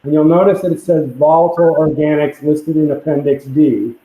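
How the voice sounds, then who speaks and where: A man's voice: a little high, steady tone, fairly quick, dark tone. Muffled man, voice like through a pipe. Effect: muffled, as if talking through a pipe. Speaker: site presenter at a public conference call. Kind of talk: technical briefing reading from a permit. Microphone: computer mic on a call. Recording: echoey, muffled call audio.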